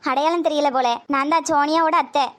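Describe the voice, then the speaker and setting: A chatty, soothing middle-aged aunt, played by a woman in a cartoon, speaking Tirunelveli Tamil in a high voice. She talks in a reassuring way. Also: steady tone, fast talker, a bit bright.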